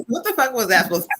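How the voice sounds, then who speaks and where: A woman's voice: high-pitched, very noisy. A woman co-hosting a live tarot reading stream, chatting casually, slangy and laughing, with the odd swear. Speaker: tarot reader and co-host.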